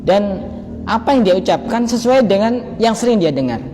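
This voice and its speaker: Male preacher, mellow higher voice, playful study-circle delivery, echoing hall with faint hiss. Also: expressive, moderate pace. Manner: conversational, joking, acts out dialogue with students. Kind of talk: religious study talk. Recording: long hall reverb, faint background noise.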